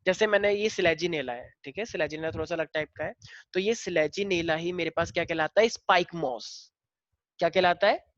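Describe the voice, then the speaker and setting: A man's voice: fairly high pitch, moderate pace, fairly bright tone, dry recording, lo-fi sound. A male biology teacher lecturing a classroom in a chatty way, often quizzing his students.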